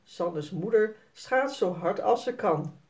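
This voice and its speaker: A woman reading a children's picture book aloud, slowly, clearly and expressively. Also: medium pitch, animated, darkish tone. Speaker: storyteller.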